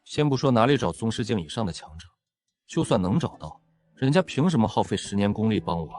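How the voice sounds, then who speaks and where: A man playing a lively, fast-talking cheeky young nobleman. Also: on the low side. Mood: keen. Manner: wry, teasing, theatrical. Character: cheeky, money-minded young nobleman, a married-in son-in-law. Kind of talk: dramatised story dialogue.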